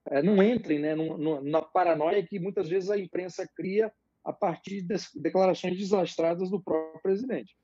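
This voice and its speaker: A man explaining political ideas as a guest in a live interview, measured and hesitant, with many fillers. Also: high-pitched, steady tone, dark tone, breathy edge, no echo, highs cut off, faint music behind.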